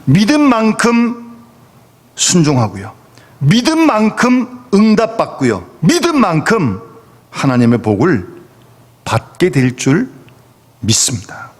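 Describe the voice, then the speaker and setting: A man's voice: high voice, wildly swooping pitch, slow pace, pauses often. A male pastor preaching a sermon emphatically, with rhetorical questions to the congregation. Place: church sanctuary. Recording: reverberant church hall.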